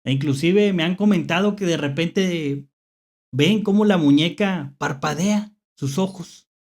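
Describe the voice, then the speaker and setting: Very slow-talking Mexican horror host. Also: mid-range voice, a little mellow. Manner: hesitant, repeats phrases, checks in with rhetorical questions. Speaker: host of a horror story show. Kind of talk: unscripted spooky storytelling to an audience.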